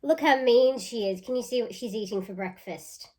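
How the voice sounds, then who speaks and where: A woman teacher with a slightly high voice reads a picture book aloud to children. She reads expressively, pausing to ask her listeners questions.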